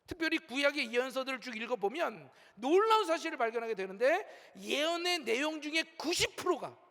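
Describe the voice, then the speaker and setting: A man's voice: extremely high pitch, gravelly, sharp tone. A middle-aged male pastor preaching a sermon with strong emphasis, rising and falling as he leads the congregation in call-and-response. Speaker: senior pastor. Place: large church sanctuary. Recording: long hall reverb from a church sanctuary.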